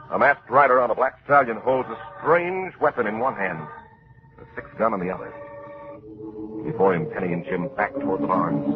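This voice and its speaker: A man announcing in vintage radio style, a folksy, enthusiastic pitchman and dramatic story narrator. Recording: muffled old radio recording.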